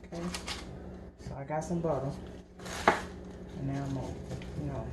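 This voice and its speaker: Low-voiced woman chatting in an echoey kitchen. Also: normal speed. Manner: chatty and rambling, keeps addressing viewers as y'all. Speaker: vlogger. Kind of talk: casual cooking vlog chat. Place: home kitchen. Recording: echoey room with background noise.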